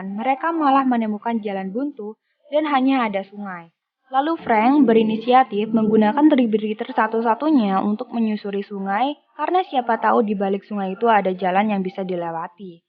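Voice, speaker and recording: A woman reading a scripted film plot recap in an even storytelling manner. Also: on the high side. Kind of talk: scripted narration. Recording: dull lo-fi voice-over with music.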